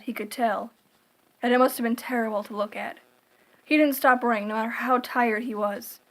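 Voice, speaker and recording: A woman narrating a scripted horror story in a deliberate, dramatic storytelling manner. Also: a little high.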